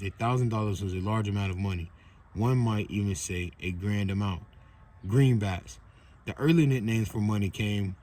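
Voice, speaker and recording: Male reader, low voice, steady read-aloud, faint hiss behind. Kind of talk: reading a children's book aloud.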